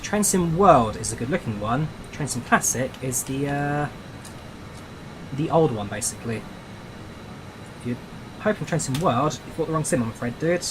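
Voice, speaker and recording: A man's voice: medium pitch, moderate pace, pauses often. A man chatting casually and thinking aloud as he commentates on a flight simulator livestream. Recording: steady background noise, engine-like ambience.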